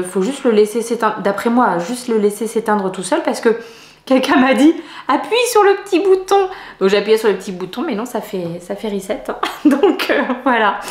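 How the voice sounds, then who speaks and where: A middle-aged woman from France chatting in a casual knitting vlog, rambling with many hesitations and soft laughs. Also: a little high, normal speed, reverberant. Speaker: knitting vlogger.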